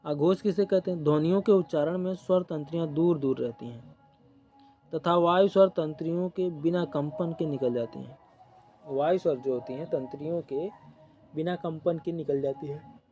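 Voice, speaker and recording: A man's voice: a little high, moderate pace, mellow, faint music behind. A man teaching an exam coaching lesson who speaks. He repeats each definition and checks in with short "ok" and "theek" prompts.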